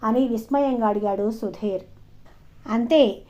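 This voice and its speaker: A woman storyteller reading a novel aloud in an expressive, dramatic way, in a dull lo-fi recording. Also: a little high, a little slow. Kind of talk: audiobook narration. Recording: dull lo-fi audio.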